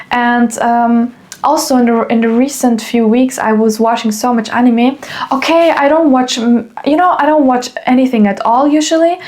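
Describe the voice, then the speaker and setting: Young female podcast host, rambling solo chat, slightly high voice. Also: a little mellow. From Germany. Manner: rambling, many fillers and restarts. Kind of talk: casual solo podcast monologue.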